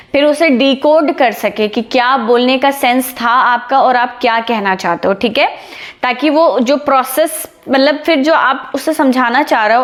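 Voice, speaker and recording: High pitched young woman giving speaking tips, chatty and energetic, keeps asking if you got it. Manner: energetic, chatty, asks "ठीक है?" after each point. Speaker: public speaking coach. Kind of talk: casual teaching talk to camera.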